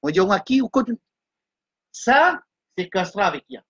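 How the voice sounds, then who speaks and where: A woman teaching Quran reading in a live online class, going through the letters point by point and slowly chanting verses. Her voice sits at a middling pitch. The stream audio is dull and lo-fi. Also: sing-song, slightly rough.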